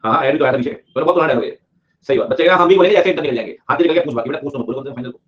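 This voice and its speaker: Rapid-fire joking male teacher, muffled. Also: medium pitch. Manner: joking, mixes English terms into Hindi, presses students for quick answers. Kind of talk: classroom lecture. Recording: muffled lo-fi sound.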